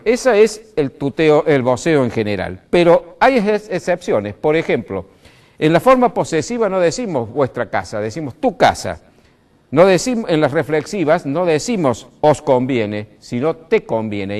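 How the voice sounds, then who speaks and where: A man's voice: medium pitch, darkish tone. An Argentine man with a Córdoba accent, explaining grammar in a didactic way, full of "este" fillers and rising stresses. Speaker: speaker on language. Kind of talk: explanatory talk.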